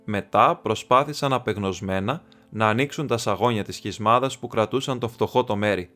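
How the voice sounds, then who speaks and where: A man from Greece reading an audiobook aloud in a steady, measured narration. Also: fairly low pitch. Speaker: audiobook reader. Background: faint music.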